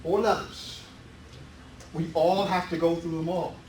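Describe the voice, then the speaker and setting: In an indoor meetup presentation room, a real estate seminar presenter gives an emphatic, repetitive motivational talk full of rhetorical questions. His fairly high voice is a little mellow, with fairly even intonation and a measured pace, captured distantly in an echoey live room with background noise.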